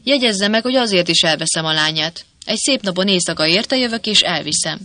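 A reader voicing the ghost of a gruff, cocky male soldier in an audiobook, in a brash, mocking manner, raised and louder than the narration. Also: mid-range voice, lively intonation, dry recording. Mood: defiant. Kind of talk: audiobook character voice.

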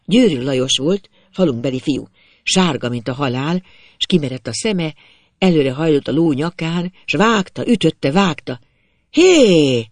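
A man narrating a literary story in the first person, with measured, expressive storytelling. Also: a little high, no echo.

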